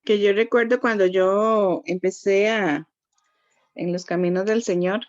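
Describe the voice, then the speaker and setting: A woman's voice: mid-range voice, fairly even intonation, unhurried, dry recording, lo-fi sound. A woman pastor with a Costa Rican accent telling a personal story in a church group. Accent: Costa Rican Spanish. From Costa Rica.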